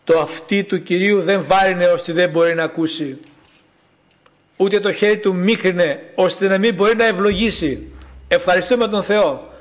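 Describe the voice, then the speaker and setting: High-voiced preacher man. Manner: slow, emphatic preaching with repeated calls. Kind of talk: sermon.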